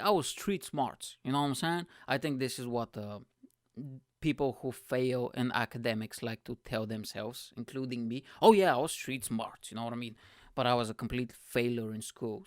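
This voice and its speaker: A man's voice: medium pitch, no room sound, clean studio sound. A man in his thirties from Bulgaria, hosting his own show in a rambling, profane, laugh-filled monologue to camera. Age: 30s. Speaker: show host.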